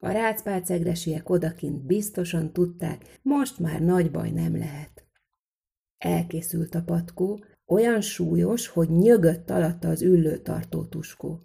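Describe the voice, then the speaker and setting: Woman reading a folk tale, gravelly husky voice, lively rhythmic telling. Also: on the low side. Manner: vivid, rhythmic storytelling. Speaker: storyteller. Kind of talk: read-aloud folk tale.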